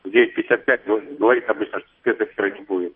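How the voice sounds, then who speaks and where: A man phones in, his voice low and hurried. He holds the phone away from his face, so his words arrive faint and far off. The line itself is thin, narrow and tinny, like a poor phone connection. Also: fairly even intonation, a crowd in the background. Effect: phone held away, faint and distant on the line. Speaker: caller. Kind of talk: call-in to a live stream.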